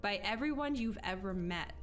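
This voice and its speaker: A woman's voice: mid-range voice, animated, moderate pace, a bit bright, close to an everyday voice. A woman streamer reading aloud the lines of an earnest young female mage from a video game, in nearly her own voice.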